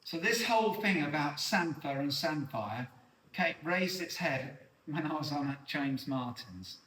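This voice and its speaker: Chatty Norfolk chef, roomy and distant. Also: male voice, a little high, moderate pace. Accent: Norfolk English. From North Norfolk, England. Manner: chatty, relaxed, explains as he goes. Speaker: chef and host. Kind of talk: casual cooking demonstration. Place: outdoors on salt marshes, then a home kitchen. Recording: roomy and distant with faint background noise.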